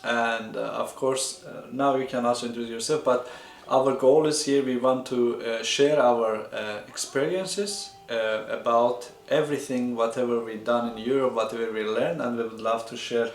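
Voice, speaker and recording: A man from Iran co-hosts a relaxed conversation about living abroad. He talks in a playful, animated way, full of fillers and restarts, at an average pitch, and his voice rings in a roomy, echoey space. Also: moderate pace, hardly any pauses. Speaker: co-host. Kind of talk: casual chat.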